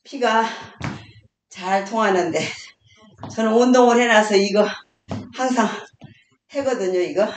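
An older woman walks through home exercises as a grandmother would, counting each move aloud and talking to a small child between counts. Her voice sits at an ordinary pitch for a woman. The sound bounces around a reverberant room over a light background hiss. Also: unhurried, pauses often. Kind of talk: casual spoken instruction with counting. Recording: echoey room with faint noise.

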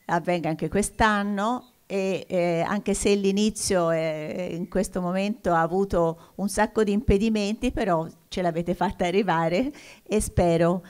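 A woman's voice: medium pitch, unhurried, few pauses, darkish tone, smooth. A woman presenting an evening event, welcoming the audience with friendly, slightly hesitant remarks.

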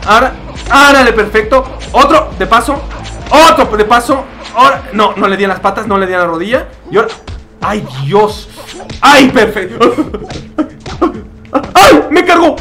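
A young man with a Mexican accent giving excitable, jokey commentary while he plays a fighting game. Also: high voice. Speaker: gaming YouTuber. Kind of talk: gameplay commentary.

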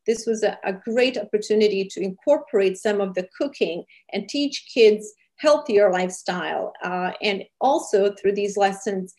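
A woman's voice: mid-range voice, normal speed, hardly any pauses, darkish tone. A middle-aged woman from Serbia, a charity founder, speaking earnestly with many fillers and slightly phrasing in an interview over a webcam call from a small room. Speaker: charity founder and cooking show host. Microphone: webcam on a video call.

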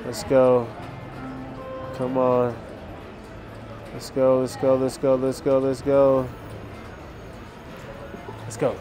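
A man with a mid-pitched voice talks slowly as he gambles at a craps table. He counts chips out loud and repeats short phrases to root for numbers. Music plays clearly behind him. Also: completely flat delivery. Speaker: craps player.

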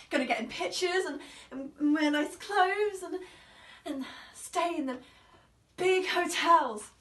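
Girl doing a giggly dreamy young ranch wife, high voice, echoey room far from the mic. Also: a bit bright. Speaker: drama school auditionee. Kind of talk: audition monologue. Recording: roomy, from far off.

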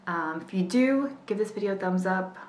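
A woman vlogging casually to camera, emotional and laughing through tears, often dropping to a soft, half-whispered confiding tone. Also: mid-range voice, expressive, moderate pace. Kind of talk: casual vlog chat to camera. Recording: echoey room with clear background noise.

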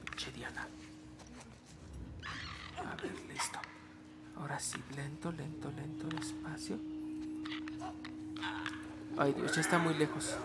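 Hushed Mexican man playing a stealth game. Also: on the high side, level tone, a little slow, long pauses, loud music behind the voice. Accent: Mexican Spanish. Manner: hushed, coaching himself through stealth, sudden loud outbursts. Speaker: gaming streamer. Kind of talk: let's-play commentary.

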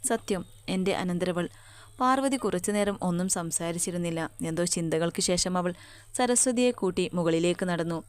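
A woman narrating a romance story aloud in a steady, measured reading voice. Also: on the low side, clean tone.

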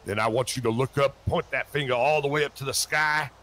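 A man voicing a fervent male street preacher who sells bottled salvation, in a rhythmic, booming revival cadence. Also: fairly even intonation, fairly quick, natural voice. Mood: fervent preaching. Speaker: preacher character. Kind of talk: game role-play. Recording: game audio with loud street and car noise.

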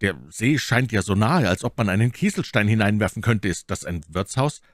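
A man's voice: fairly low pitch, lively intonation, a little fast, no echo, studio quality, close to an everyday voice. A man voicing a breathless, sweaty, red-faced English hiker in a storybook reading, exasperated in manner.

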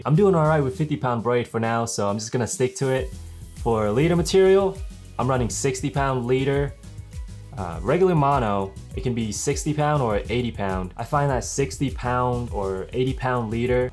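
A young man vlogging casually to camera, chatty and relaxed, often tossing in "man". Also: mid-range voice. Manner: laid-back, chatty, says "man" a lot. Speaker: fishing vlogger. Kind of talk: casual gear talk to camera. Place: small indoor room with blue wall. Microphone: camera-mounted shotgun mic.

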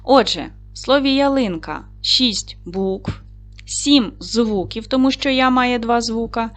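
A woman teaching a recorded primary school lesson, patiently asking questions and slowly spelling out sounds and syllables. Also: on the high side, faint music behind. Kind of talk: recorded video lesson for children.

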